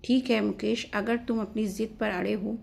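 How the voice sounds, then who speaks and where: Lady reading as a cross young wife in a storybook, sharp and stubborn, gravelly voice. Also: medium pitch, steady tone, moderate pace. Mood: indignant. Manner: sharp, indignant.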